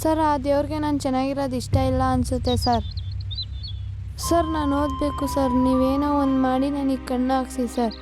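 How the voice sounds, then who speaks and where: A young woman playing a distressed schoolgirl, pleading and tearful, in a low-budget film. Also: level tone, brisk, music in the background, lightly acted.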